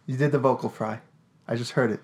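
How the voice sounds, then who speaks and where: A man's voice: mid-range voice, fairly even intonation, fast talker, breathy edge. A man co-hosting a podcast, bantering casually in a teasing, wry way. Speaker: podcast co-host.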